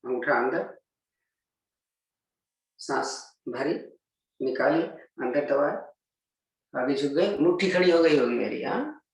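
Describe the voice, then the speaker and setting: A man's voice: fairly high pitch, takes it slowly, creaky, pauses often. A man teaching a yoga class, talking students through each pose step by step. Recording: very echoey room, mic at a distance.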